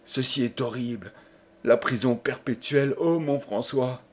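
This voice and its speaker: A man's voice: mid-range voice, measured pace, husky. A man voicing a young noblewoman who stammers and sobs her desperate pleas. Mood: desperate pleading.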